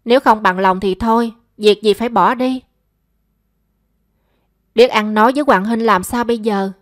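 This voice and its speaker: A nagging, money-minded middle-aged mother from an audio storybook, scolding, as a woman narrator puts her on. Her complaints sound shrill and insistent. The recording is close and dry, with no room sound. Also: fairly even intonation, normal speed, dry recording, lightly acted. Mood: wailing.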